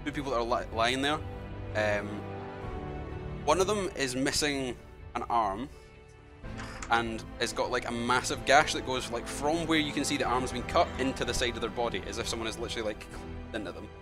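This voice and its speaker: A man narrating a tabletop game as game master, rambling and hesitant with many fillers. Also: mid-range voice. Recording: background music.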